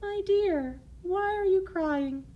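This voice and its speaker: A woman's voice: extremely high pitch, takes it slowly, muffled recording, music in the background, pitched above the performer's own voice. A woman voicing a kindly, reassuring fairy godmother in a storybook tale.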